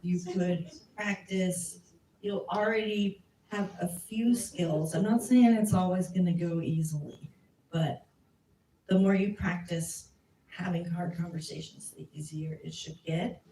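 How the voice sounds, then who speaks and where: Unhurried and dark-toned, her lowish voice carries this civics educator's frank, talkative, self-mocking answers to audience questions. The informal Q&A takes place in a community meeting room, heard from afar amid echo and slight noise.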